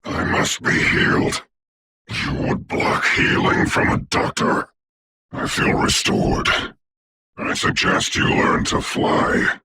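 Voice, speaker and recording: A man voicing a proud, grave sorcerer doctor in a video game, speaking formally and theatrically in a rough, whispery voice. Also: slow, heavy background noise, natural voice. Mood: commanding, proud. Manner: grandiose, formal, archaic, solemn delivery. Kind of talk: theatrical game character voice lines.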